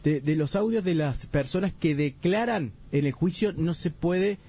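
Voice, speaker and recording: A man giving a live radio report from a court trial, laying out the events in steady detail with frequent restarts. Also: a little high, a little slow, slightly rough. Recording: muffled radio audio.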